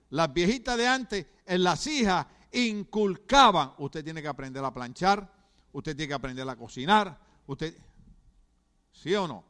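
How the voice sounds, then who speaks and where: A middle-aged pastor preaches in a church with a fairly high voice. He is lively and questioning, turning to the congregation again and again. His delivery is animated and direct. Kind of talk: sermon.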